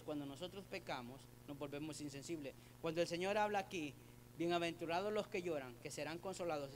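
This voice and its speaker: High-voiced earnest male preacher. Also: slight background noise. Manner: addresses listener as brother, asks rhetorical questions; earnest, repeats words while searching for phrasing. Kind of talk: sermon.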